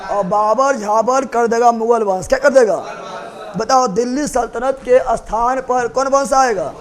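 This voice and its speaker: High-voiced man teaching history. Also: unhurried. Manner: repetitive, quizzing students, joking rhymes. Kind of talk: classroom lecture with mnemonics.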